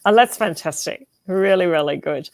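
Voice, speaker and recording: A woman's voice: fairly low pitch, normal speed, no room sound. A woman hosting a live-stream interview, encouraging her guest with short affirmations. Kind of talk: casual interview chat. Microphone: video call.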